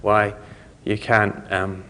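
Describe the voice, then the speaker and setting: A man's voice: fairly low pitch, monotone, slow, bright, forceful tone, in a large hall, slight background noise. A man giving a conversational conference talk, explaining things step by step. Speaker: conference speaker.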